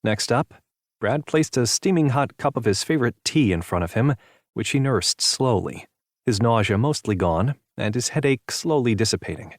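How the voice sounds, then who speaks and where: In a clean, dry studio recording, a man reads a romance audiobook with steady, even storytelling. His voice is mid-range and his pace moderate as he delivers the scripted narration.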